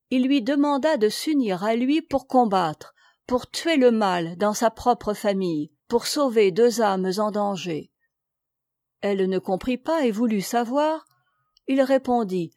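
A woman narrating a classic novel as an audiobook, in a measured, even storytelling manner. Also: a little high, no room sound, studio quality.

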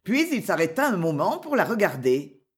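An audiobook narrator reads a classic novel aloud as scripted literary narration, slow and expressive in a storytelling manner. The voice is medium in pitch.

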